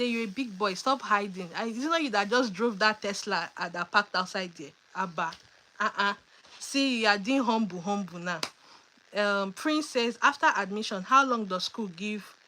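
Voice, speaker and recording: A woman's voice: mid-range voice, bright, forceful tone, slight background noise, low-quality recording. A woman hosting a casual livestream Q&A, reading out viewers' questions and answering in a chatty, emphatic way with teasing asides. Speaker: livestream host.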